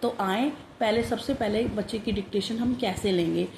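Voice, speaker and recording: A woman teacher, slowly giving a phonics dictation lesson for parents and repeating each sound. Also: mid-range voice, gravelly, a little mellow, reverberant, slight background noise, low-quality recording.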